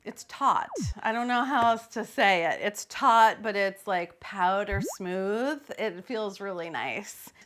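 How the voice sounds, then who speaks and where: A woman walks viewers through a recipe in a relaxed, joking way, her voice sitting at an ordinary middle pitch. She talks in a loose, offhand manner full of casual asides. It sounds like an everyday home kitchen. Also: measured pace, few pauses. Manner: chatty and playful, with loose fillers. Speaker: cooking host. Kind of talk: casual cooking demonstration.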